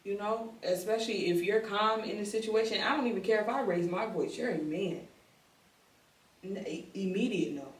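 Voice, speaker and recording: A woman's voice: medium pitch, moderate pace. A woman as a podcast guest, speaking candidly and emphatically in slangy casual talk. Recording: echoey room, distant mic.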